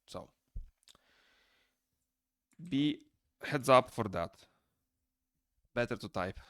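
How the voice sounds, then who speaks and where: A young Moldovan man whose first language is Romanian chats casually with viewers while drawing on a live stream, rambling as he reads their messages aloud and answers them. He speaks with a Moldovan accent at medium pitch, very slowly, with lively intonation and a slightly bright tone. The studio-quality recording is echo-free, made in a small indoor room.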